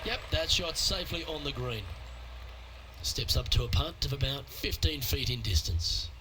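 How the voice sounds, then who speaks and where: A man working as the lead golf commentator in a sports video game, calling play in a measured, composed broadcast style. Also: medium pitch, animated, background noise, natural voice. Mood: composed, approving.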